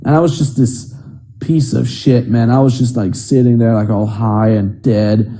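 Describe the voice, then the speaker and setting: A man's voice: mid-range voice, steady tone, normal speed, warm tone. A man giving blunt, profane dating advice in a casual, emphatic monologue. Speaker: dating coach.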